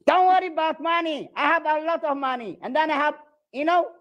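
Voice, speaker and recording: A man's voice: very high voice, a little fast, dull audio. A man with an Eritrean accent speaking broken English, playfully flirting and boasting as a comedian on a video chat. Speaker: comedian prank-chatting.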